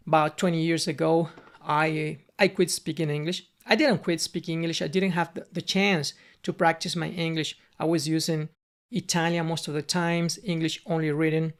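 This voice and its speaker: A middle-aged language tutor from Cuba, whose first language is Spanish, speaks with a Cuban accent in a mid-range voice. His lesson is an unscripted spoken monologue, conversational and earnest, and he repeats words as he searches for the right ones.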